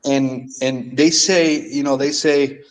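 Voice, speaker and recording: Earnest man, halting speech. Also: mid-range voice, steady tone, low-quality recording. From Mexico. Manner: halting, earnest, repeats words often. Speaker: guest. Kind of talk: casual storytelling.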